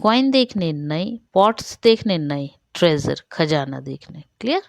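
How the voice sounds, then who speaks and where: A woman teacher with an Indian accent. She reads English questions slowly and explains them in Hindi, often asking a question and answering it herself. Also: low-pitched, very animated, vocal fry, no room sound. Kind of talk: Hindi-medium English revision lesson.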